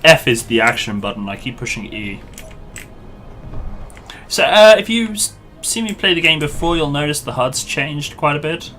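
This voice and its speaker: A man's voice: a little high, animated, normal speed, sharp tone, soft background music. A man live-streaming a game, chatting casually and informally with his viewers in a matey way. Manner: matey, informal address to the group. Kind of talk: casual live gaming commentary, chat with viewers.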